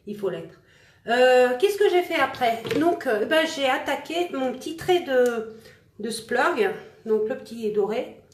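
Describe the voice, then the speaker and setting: A woman with a fairly high voice talks casually to her viewers as she works through a makeup look. She is chatty and pokes fun at herself along the way. The room around her is echoey. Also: expressive, unhurried. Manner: chatty, self-mocking, talks to viewers while applying makeup. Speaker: makeup vlogger. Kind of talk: casual makeup tutorial livestream.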